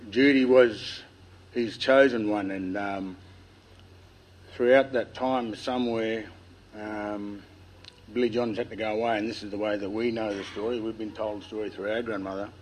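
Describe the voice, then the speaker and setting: A man with an Australian accent and a lisp tells family history informally to listeners, nervous and halting, with a dry mouth. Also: on the low side, steady tone, slight background noise, rough recording. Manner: nervous, halting delivery with long pauses. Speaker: speaker telling family history. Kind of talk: informal public speech, oral storytelling.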